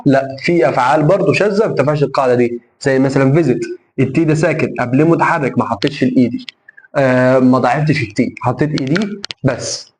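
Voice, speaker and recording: A man's voice: mid-range voice, slight background noise. Egyptian man teaching grammar, answers his own questions. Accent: Egyptian Arabic. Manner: repeats rules and asks himself questions like tamam? then answers. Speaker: English teacher. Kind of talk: grammar lesson for middle school students.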